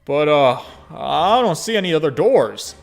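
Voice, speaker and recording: Man voicing a blunt, steady big man. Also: fairly high pitch, measured pace, creaky, faint music behind, heavily acted. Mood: firm. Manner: firm, matter-of-fact.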